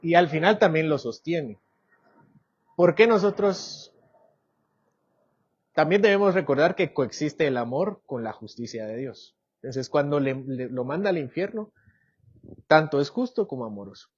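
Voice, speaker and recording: A Bible teacher leads a doctrine class at church, quizzing the class and acting out everyday examples in quoted voices. His voice is somewhat high with lively intonation, and he speaks unhurriedly with frequent pauses and a breathy edge, in audio with the highs cut off.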